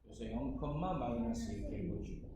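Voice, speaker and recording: A man tutoring exam-prep math, chatty and lively, forever checking that the learner follows along. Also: mid-range voice, a little fast. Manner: keeps checking understanding with short questions. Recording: echoey room with distant mic and noise.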